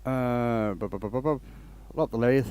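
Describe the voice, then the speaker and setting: Speaking at a moderate pace, this man has a medium-pitched, clean voice with a slight mellowness. He hosts a casual woodturning stream from Denmark, chatting while he works and rambling through restarted sentences as he welcomes viewers.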